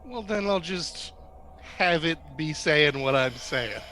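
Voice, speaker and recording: A man playing a tabletop game, talking in a low-key, tentative way. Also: expressive, takes it slowly, bright, forceful tone. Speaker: player. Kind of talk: casual tabletop play. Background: background music.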